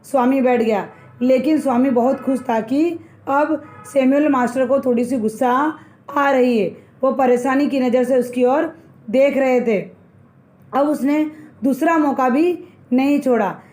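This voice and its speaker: High-voiced woman retelling a lesson. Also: a little slow, a little mellow. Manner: explains word meanings, repeats phrases while retelling. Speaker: teacher. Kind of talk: retelling a textbook chapter as a lesson.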